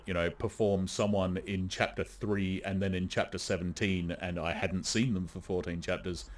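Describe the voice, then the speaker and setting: A man from Australia, an audiobook narrator, chatting casually and self-deprecatingly on a live stream. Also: deep voice.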